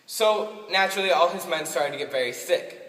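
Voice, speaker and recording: A man's voice: a little fast, fairly bright tone. Man guiding a tour in cave echo. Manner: joking, upbeat. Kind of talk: guided tour talk to a group. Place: inside a cave, underground. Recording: booming cave echo from far off.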